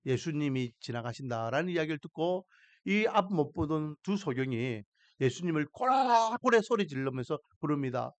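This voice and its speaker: A male pastor delivers a Sunday sermon in a high voice that swoops widely as he stresses points. He keeps asking the congregation rhetorical questions. The sound is close and dry. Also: very animated, normal speed, dry recording. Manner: preaching with rhetorical questions and dramatic emphasis.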